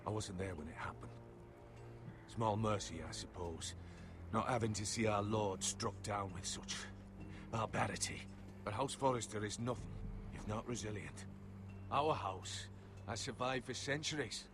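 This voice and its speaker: An actor playing a solemn, loyal older male retainer and uncle in a video game, speaking in a measured, earnest way. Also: lowish voice, over music, natural voice. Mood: grave. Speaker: loyal family advisor.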